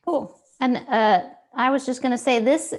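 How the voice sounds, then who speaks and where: A woman's voice: high-pitched, normal speed. A woman from Texas with a Texan accent, co-hosting a casual, enthusiastic chat over a video call. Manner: chatty, enthusiastic, self-mocking. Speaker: co-host.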